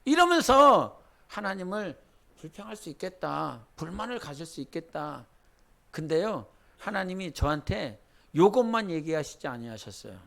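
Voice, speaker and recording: Man, pastor, very high voice, sermon, fervent exhortation, leads scripture reading. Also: sing-song, normal speed, creaky, bright, forceful tone. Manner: leads congregation in Bible reading.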